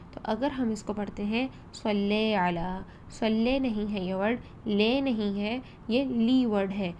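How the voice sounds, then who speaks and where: A woman teaching a tajweed lesson, slowing down to demonstrate each vowel sound with care. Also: medium pitch, darkish tone, slight background noise. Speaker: Quran recitation teacher.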